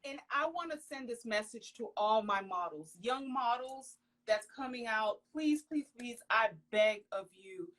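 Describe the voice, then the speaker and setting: A young professional model of Haitian background, raised in the US in a Haitian household and a native Creole speaker, is a guest on a casual live interview, speaking earnestly, emphatically, and with frequent exclamations. Her voice is on the high side, animated and fairly bright, unhurried with hardly any pauses. She's on a phone during a video call.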